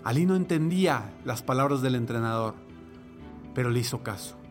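A man hosting a motivational podcast, telling stories in an emphatic motivational-speech style with dramatic pauses. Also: mid-range voice, lively intonation, faint music behind.

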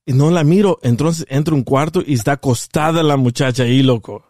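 A man's voice: a little high, brisk, dry recording, clean studio sound. A male radio host, telling a funny personal story and laughing as he goes. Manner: laughing, animated storytelling with slang. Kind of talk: comic storytelling on a call-in radio show. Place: radio studio.

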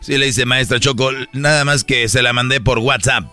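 A man playing a hoarse, grown-up-sounding schoolboy. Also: steady tone, moderate pace, bright, forceful tone, soft background music. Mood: deadpan. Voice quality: hoarse, deep for a child.

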